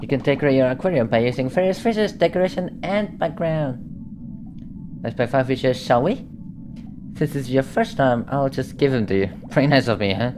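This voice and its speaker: A chatty, posh seagull guide, as a man puts him on while reading game text aloud. He walks the player through each step in a light, airy tone. Game music plays clearly underneath. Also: medium pitch, animated, moderate pace, natural voice. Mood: cheery. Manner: posh, chatty tutorial narration.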